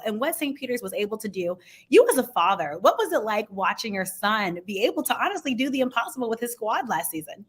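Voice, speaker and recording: Bright, upbeat woman radio host. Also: medium pitch. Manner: upbeat, enthusiastic questioning. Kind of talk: sports talk radio interview.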